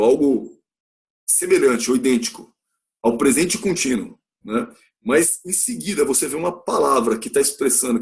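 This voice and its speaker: A man from Brazil teaching an English lesson, explaining patiently, repeating phrases and checking in with his listeners. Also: vocal fry. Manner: acts out example sentences with a raised pitch. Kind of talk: recorded classroom lesson.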